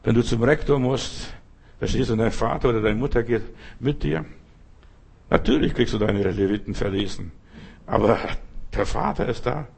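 A middle-aged man from the former Soviet Union preaching a sermon, talking straight to the listener and bursting into dramatic shouted cries for help. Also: mid-range voice, normal speed, vocal fry, pauses often, breathy edge. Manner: talks straight to the listener with repeated "verstehst du".

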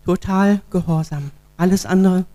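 A man's voice: high voice, normal speed, mellow. Earnest man giving testimony, mains hum. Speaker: congregation member giving a testimony. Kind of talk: spoken testimony.

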